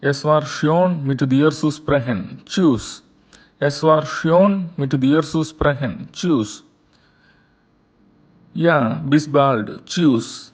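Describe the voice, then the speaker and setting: A man teaching a beginner German lesson, reading a short dialogue and saying every line twice, slowly and carefully, for learners. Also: on the high side. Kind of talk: slow repeated lesson dialogue.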